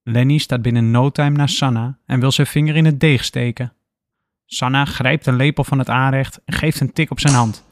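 A man reads a story aloud in a calm, even storytelling manner. His voice sits at a middle pitch for a man. The recording is dry, with no room sound. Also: moderate pace, no echo. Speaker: narrator. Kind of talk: scripted story narration.

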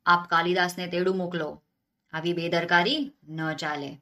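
A woman's voice: mid-range voice, sing-song, a little slow, a bit bright. A woman voicing a proud, irate old male Brahmin scholar who scolds indignantly in a storybook tale. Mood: angry.

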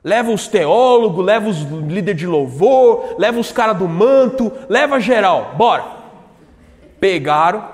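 Male preacher, high voice, dramatic shouts and hushes, hall echo. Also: lively intonation, a little slow. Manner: dramatic, swings from shouts to hushed low lines, slangy. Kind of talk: sermon. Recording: echoey hall reverb.

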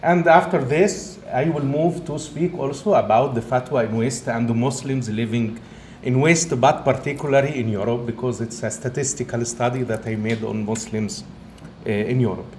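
A man with an Egyptian accent tinged with Italian, a native Arabic speaker, giving an academic lecture in halting English. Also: medium pitch, darkish tone. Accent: Egyptian, with some Italian. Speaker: guest speaker, professor. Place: indoor event room, talk being filmed. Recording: roomy echo, faint background noise.

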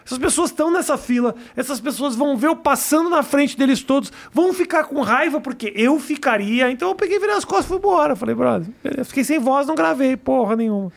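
A man's voice: very high-pitched, expressive, fast, vocal fry, hardly any pauses. A man, hosting a casual chat in a laid-back, swearing way. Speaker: host.

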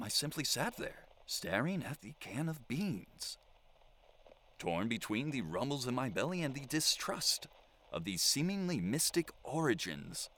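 A man's voice: medium pitch, a bit bright. A man playing an eccentric, lonely survivor who hosts his own radio show, speaking in a theatrical, flowery, mock-formal way. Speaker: lone radio broadcaster. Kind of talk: audio drama monologue.

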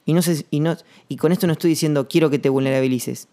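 Rioplatense guy musing out loud on his podcast, kinda high voice, soft and mellow, lots of pauses. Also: steady tone. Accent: Rioplatense Spanish. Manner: rambling, slangy, thinking aloud with pauses. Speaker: podcast host. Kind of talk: reflective solo monologue.

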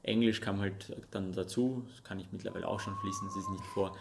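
A young man from Russia who grew up speaking Russian and Armenian chats earnestly as a podcast guest, often hesitating with ums. His voice is lowish, creaky and fairly quick, with a noisy background behind this casual interview talk.

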